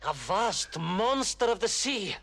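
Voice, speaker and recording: An actor playing a dramatic storyteller who narrates an adventure game in ornate, theatrical phrasing. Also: male voice, high voice, big pitch swings, takes it slowly, creaky, bright, forceful tone, heavily acted. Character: grand old male storyteller narrating a tale.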